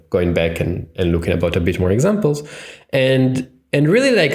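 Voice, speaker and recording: Here the Israeli-accented man in his thirties sounds on the low side, with a darkish tone. He teaches a conference tutorial by webcam from indoors at home, thinking aloud with frequent fillers and self-corrections, and the recording has a roomy echo.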